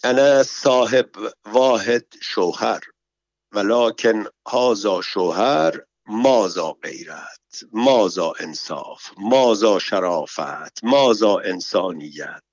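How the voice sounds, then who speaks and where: A man reading a story, voicing a nosy and vengeful palace woman who speaks slow, heavily stressed broken Arabic. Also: fairly low pitch, lively intonation, dry recording. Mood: furious. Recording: dull, dry recording.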